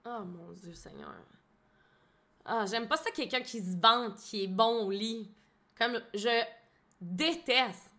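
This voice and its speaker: A young woman with a Québécois French accent, giving blunt, excitable reaction commentary and swearing freely. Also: fairly high pitch, takes it slowly, pauses often. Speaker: host reacting to show clips.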